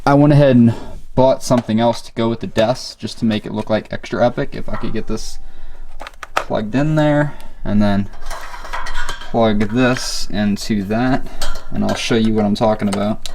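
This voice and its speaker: Noisy home camera audio carries a man with a fairly low voice. He talks off the cuff as a vlogger showing his setup, loose and rambling, in a casual, laid-back manner. Small clicks sit in the background. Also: fairly even intonation, normal speed. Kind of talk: casual, unscripted show-and-tell vlog. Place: bedroom at home.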